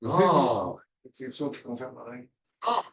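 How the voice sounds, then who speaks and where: A man's voice: mid-range voice, animated, measured pace, fairly bright tone, roomy sound. A male student in a class discussion, talking hesitantly and restarting his sentences.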